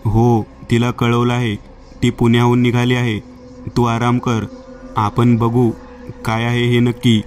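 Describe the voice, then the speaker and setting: Steady, soothing male friend, voiced by a male storyteller, flat and matter-of-fact. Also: medium pitch, a little slow, slight background noise, natural voice. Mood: calming. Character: calm, reassuring male friend.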